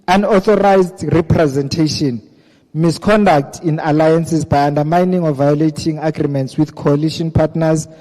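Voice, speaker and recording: A man's voice: on the high side, dark tone. A South African man formally reading out an organisation's document to a meeting. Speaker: presenter of an organisation's code of conduct. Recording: hall PA with long reverb.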